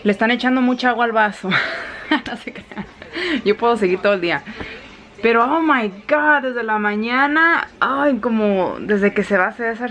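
A woman's voice: a little high, a bit bright, a little hiss or hum. A woman in her thirties with a Mexican accent, chatting casually in a home vlog, often laughing and mixing in English phrases. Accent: Mexican Spanish. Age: 30s. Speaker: vlogger. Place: home kitchen while cooking.

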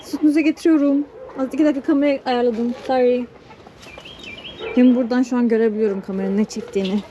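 Young woman farm vlogger with a high voice, chatty and coaxing with animals; noisy barn recording. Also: steady tone, quick pace. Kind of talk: casual vlog talk while doing farm chores. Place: barn with sheep and chickens. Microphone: head-mounted camera mic. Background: bleating lambs and sheep.

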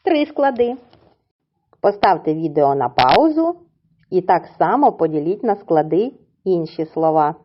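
Lady teacher talking to preschoolers, slow, bouncy sing-song voice, kinda muffled lo-fi audio. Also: lowish voice, sing-song. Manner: sing-song, coaxing teacher tone for small children; slow, syllable-by-syllable pronunciation. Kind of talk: children's lesson narration.

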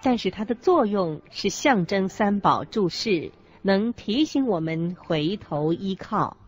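A woman co-narrates a scripted religious radio drama, carefully phrasing each teaching. Her medium-pitched voice is animated and unhurried. The audio is muffled, with background music running underneath.

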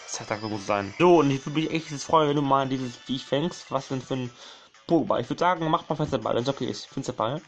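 A young man commentating his gameplay casually, excitable, swearing and pleading with the game while addressing his viewers as friends. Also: medium pitch, fairly quick. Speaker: gaming channel host.

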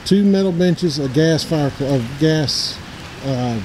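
A man's voice: a little high, slow, darkish tone, slight background noise, low-quality recording. A man in his forties giving a rambling, plainspoken tour of his backyard, recorded outdoors on a handheld camera. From Middle Tennessee. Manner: rambling and plainspoken, self-correcting. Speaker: outdoors channel host. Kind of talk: casual walkthrough vlog.

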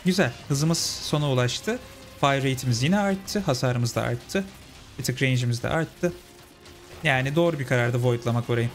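A young man commentates his game run, chatty and talking to his viewers like friends. His voice sits at an ordinary middle pitch. Soft game music plays underneath. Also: normal speed. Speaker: gaming channel host. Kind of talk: casual let's-play commentary.

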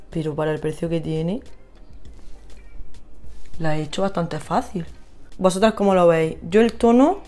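Una vlogger de belleza con acento de España que charla de forma animada y entusiasta con sus seguidoras mientras se maquilla. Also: female voice, mid-range voice, darkish tone. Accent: Spain Spanish. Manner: chatty, gushing, talks to viewers while applying makeup. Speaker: beauty vlogger. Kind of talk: casual makeup tutorial chat.

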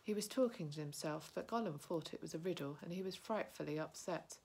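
A woman reads a chapter book aloud to young listeners in a calm, steady storytelling voice. She often drops to a hushed near-whisper. Her voice is low and very husky, with a lot of breath in it. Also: a little fast. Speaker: early childhood educator reading to children. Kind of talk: reading a novel aloud.

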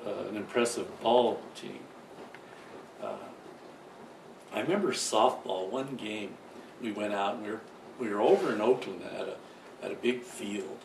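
An older man reminisces about his past in a loose, rambling way, often restarting his sentences and chuckling, and he gets louder on the funny bits. He sounds far from the microphone in an echoey room, with steady background noise. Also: fairly low pitch, gravelly. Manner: gets loud and lively on funny parts. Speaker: father telling his life stories. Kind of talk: casual reminiscing storytelling.

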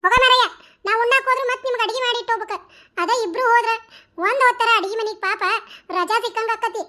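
A woman's voice: very high voice, fast, pushed and bright. A woman voicing a young cartoon wife with a North Karnataka accent, chatty and nagging. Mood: teasing. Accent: North Karnataka Kannada.

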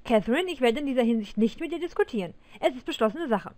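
A woman's voice: high-pitched, quick pace, no room sound. Woman reading a stern, strict father. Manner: firm, final, calmly authoritative.

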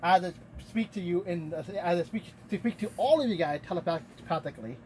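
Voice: mid-range voice, fast talker, darkish tone, a little hiss or hum, rough recording. A game master narrating a tabletop game in a rambling, self-correcting way, often laughing.

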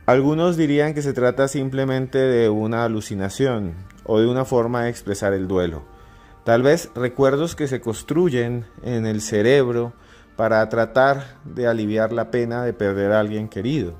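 A man hosting a podcast, narrating in a measured, emphatic way that slows on key words. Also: mid-range voice, a little mellow, soft background music. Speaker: podcast host.

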